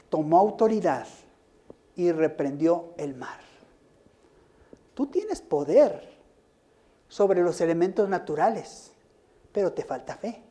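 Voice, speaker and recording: A man's voice: high-pitched, warm tone. A male pastor gives a sermon. He asks rhetorical questions and rises into emphatic bursts.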